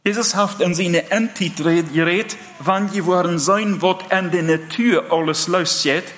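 A man preaching a sermon in an earnest, halting way, often breaking off and restarting his phrases. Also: sits high, a bit bright, a little hiss or hum. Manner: earnest, halting delivery with many broken-off phrases. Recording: long hall reverb.

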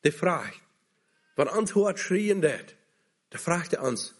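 A man's voice: sits high, animated, slow pace, husky. A man preaching a sermon, earnestly pleading with listeners to come to Jesus.

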